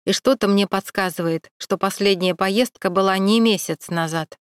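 A woman's voice: mid-range voice, moderate pace, clean tone, no echo, clean studio sound, natural voice. A woman voicing a stern middle-aged police captain who questions coldly and with irony. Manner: cold, pressing, ironic.

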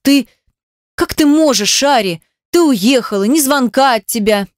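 A woman's voice: sits high, lively intonation, measured pace, dry recording, clean studio sound, voice pushed up. A woman voicing a middle-aged mother who is pushy, defensive and reproachful on the phone with her daughter. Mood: indignant.

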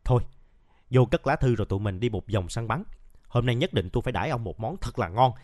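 A man's voice: medium pitch, expressive, quick pace, a little mellow, no room sound, clean studio sound, close to an everyday voice. A man voicing a cheerful, eager young male soldier talking with his friend in a war story. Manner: eager, chatty.

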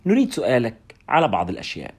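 A courteous missionary priest who asks gentle questions, as a male narrator voices him. The delivery is lively and quick, with a lot of movement in the pitch. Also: husky. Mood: polite.

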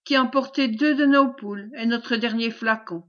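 A wary soldier who answers with dry doubt, speaking low and cautiously, as a woman reader gives him voice. The sound is dull and lo-fi. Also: normal speed, lightly acted.

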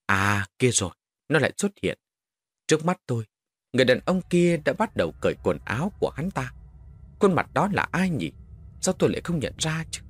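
Husky man telling a horror story. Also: mid-range voice, brisk, no echo. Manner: dramatic, expressive storytelling.

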